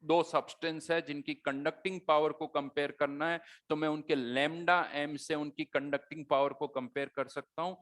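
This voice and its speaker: A man's voice: a little high, level tone, moderate pace, hardly any pauses, fairly bright tone. A man teaching a chemistry class, explaining concepts conversationally and asking his students rhetorical questions as he goes. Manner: conversational teaching, mixing Hindi with English terms, rhetorical questions. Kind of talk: classroom lecture.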